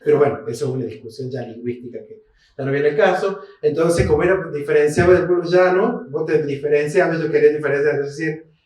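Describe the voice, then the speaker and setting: An Argentine-accented man gives a seminar lecture, explaining terms slowly, spelling them out syllable by syllable and checking in with listeners through short tags. His voice is a little high and a little mellow, recorded with a distant mic in a very echoey hall.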